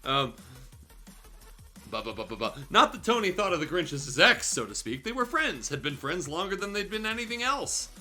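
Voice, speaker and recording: Music runs behind this male guest host as he reads fan fiction aloud on a livestream, theatrically and comically, with cheeky, profane asides. His high voice is very animated and sharp-toned, at normal speed.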